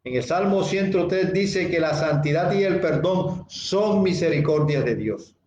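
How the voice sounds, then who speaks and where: A male pastor preaching a sermon slowly and deliberately, repeating key phrases and speaking straight to his listeners. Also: a little high, lively intonation, a little mellow, echoey room, lo-fi sound, slight background noise.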